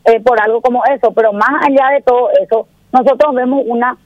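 A woman's voice: fairly high pitch, steady tone, fairly quick, no echo, highs cut off. A woman lawyer being interviewed, explaining her case step by step and often checking in with tag questions. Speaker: defense lawyer, interview guest. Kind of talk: phone-in radio interview.

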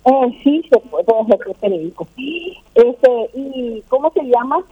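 A woman's voice: fairly high pitch, lively intonation, a little slow, crowd noise. An older woman, a gastronomy researcher and teacher, rambling and repeating herself in a casual phone interview. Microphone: telephone. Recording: tinny phone line.

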